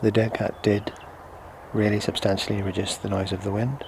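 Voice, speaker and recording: A man's voice: flat delivery, moderate pace. A man giving a casual, hesitant product demonstration, thinking aloud as he reviews gear. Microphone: small on-camera shotgun microphone via recorder into camera. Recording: noisy on-camera mic, low rumble.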